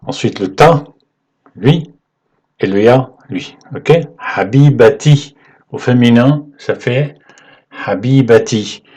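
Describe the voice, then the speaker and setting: A man teaching the alphabet in French, patient and halting, often checking in with "ok?" as he writes. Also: mid-range voice, a little mellow, husky. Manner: slow, halting delivery with fillers. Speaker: Arabic teacher. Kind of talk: whiteboard lesson explaining letters.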